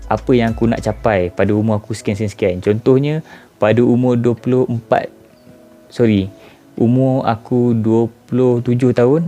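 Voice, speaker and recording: A man in his mid-twenties speaks with a Malaysian Malay accent in a relaxed, informal monologue. He puts rhetorical questions straight to his viewers. His voice is dark and mellow, at a middle pitch, with soft music playing faintly underneath. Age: 20s. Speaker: vlogger. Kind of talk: casual reflective monologue to camera.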